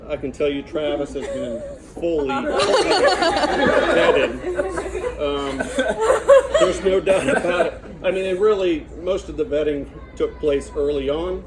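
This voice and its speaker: A middle-aged man giving an informal father of the bride speech, halting and conversational, with a joking delivery. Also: a little high. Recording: noisy room with loud audience chatter and laughter.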